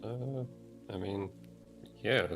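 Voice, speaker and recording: A man's voice: on the low side, extremely slow, music in the background. A man playing in a tabletop role-playing game, talking casually. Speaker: player.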